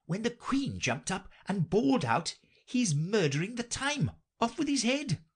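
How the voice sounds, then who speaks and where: Reader doing an eccentric man at a tea party, theatrical, rambling, sweeping pitch, husky. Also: sing-song, a little slow, full character voice. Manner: rambling, theatrical, by turns mournful and bossy.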